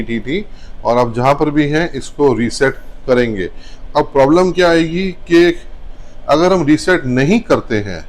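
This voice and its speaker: A man with an Indian accent hosting an explainer vlog on a ship's bridge, switching between English and Hindi and restating points to teach. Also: medium pitch. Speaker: video host and interviewer.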